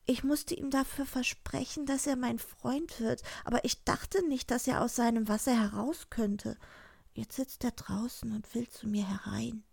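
Woman as storybook princess: high, breathy, half-whispered, unhurried. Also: fairly even intonation, darkish tone, heavily acted. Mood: pleading. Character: spoiled young princess, airy and pleading.

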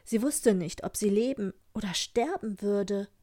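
A woman reading a fairy tale aloud in a calm, even storytelling manner. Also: medium pitch, a little slow.

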